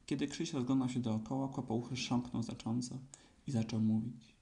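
A man calmly reading a children's storybook aloud as narrator. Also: mid-range voice, normal speed, vocal fry.

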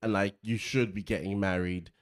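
A man's voice: sits low, steady tone, moderate pace. A man co-hosting a casual faith discussion podcast, posing probing questions with frequent restarts. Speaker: podcast co-host.

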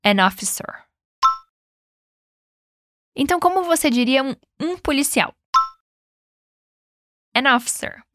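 A Brazilian woman with a fairly high voice leads a podcast English lesson in an upbeat, coaching way. She says each English word slowly and then asks the listener to repeat it. The recording is close and dry. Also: lively intonation, fairly bright tone, dry recording. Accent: Brazilian Portuguese. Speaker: English teacher and podcast host. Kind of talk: podcast language lesson with repeat-after-me drills.

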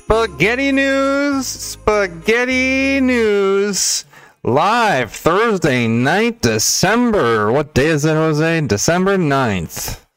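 A man opens a casual livestream with loud, drawn-out, playful announcing. His microphone is overdriven, so the voice clips and distorts into a blown-out sound. Beneath the distortion his tone is smooth and a little high for a man, and the sound is dry and close. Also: big pitch swings, no echo, faint music behind. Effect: clipping, blown-out distorted mic. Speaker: co-host.

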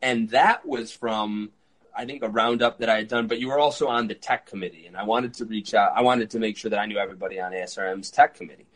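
A man in his early thirties hosting a podcast interview, eager and quick, with frequent fillers. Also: lowish voice, fairly bright tone, rough recording. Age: 30s. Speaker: podcast host. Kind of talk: conversational interview.

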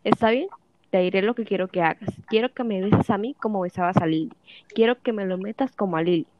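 A woman's voice: medium pitch, fast talker, muffled recording, noisy background, close to an everyday voice. A woman voicing a jealous, bitter wife of fifty who keeps accusing and questioning her husband. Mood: furious. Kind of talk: audiobook dialogue reading.

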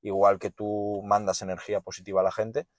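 A man's voice: on the low side, brisk, dry recording. A man telling stories in a casual monologue, blunt and profane, acting out the people in them. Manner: blunt, profane, animated storytelling. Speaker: podcast host.

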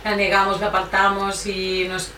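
A woman's voice: medium pitch, completely flat delivery, moderate pace, pushed and bright. Woman, thoughtful group sharer, echoing from a distance with faint noise. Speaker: group participant. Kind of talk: reflective group sharing talk. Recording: echoey room from far off, faint noise.

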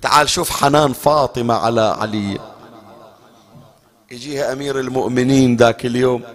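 A man's voice: medium pitch, steady tone, brisk, fairly bright tone. A man delivering an emotional mourning sermon as a preacher, slipping into chanted lament.

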